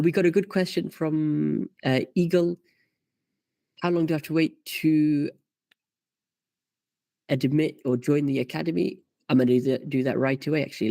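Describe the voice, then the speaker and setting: There's vocal fry in this man's medium, darkish voice, recorded with no room sound. He hosts a live karting coaching stream, reading comments aloud in a chatty way that's full of fillers and restarts.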